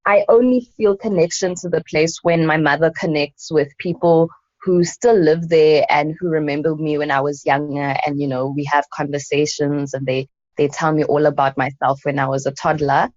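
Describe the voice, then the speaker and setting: A woman in her thirties with a notably low voice talks reflectively as an interview guest, pausing on soft fillers as she thinks aloud. The recording is dull and lo-fi, and it sounds dry and close. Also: steady tone, dry recording. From South Africa. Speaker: guest, anthropologist and poet. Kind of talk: casual interview conversation.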